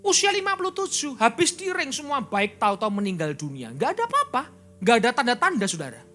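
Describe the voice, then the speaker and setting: A man preaching a sermon as pastor in a church. He swings between loud and quiet and fires rhetorical questions at the congregation. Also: very high voice, wildly swooping pitch, fast talker, soft background music.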